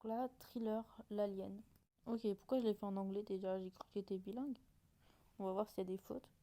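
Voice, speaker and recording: A woman's voice: mid-range voice, fairly even intonation, fairly quick, dark tone. A woman chatting casually and hesitantly as she reacts to her own old videos, often mocking herself.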